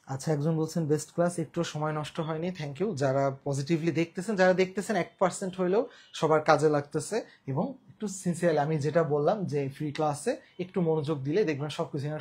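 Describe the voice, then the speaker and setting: This is a live online exam-prep lesson led by a man with a Bangladeshi Bengali accent who keeps repeating key terms and testing viewers with questions. He speaks in a somewhat high, darkish, breathy voice, casual in tone and sprinkled with English words.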